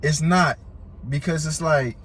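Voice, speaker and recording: An American man who stutters, with word and syllable repetitions, chats casually as a podcast guest, full of heavy slang and swearing. He's emphatic and repeats himself for emphasis. His voice is on the high side and a bit bright, a little slow, with some hiss or hum in the audio.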